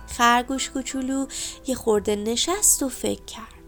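A woman narrating a children's bedtime story, speaking gently and addressing the children directly. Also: a little high, fairly even intonation, faint music behind.

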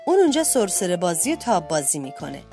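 A woman reading a children's bedtime story aloud with expressive delivery. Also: faint music behind. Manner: expressive reading, lifts pitch for children's shouts.

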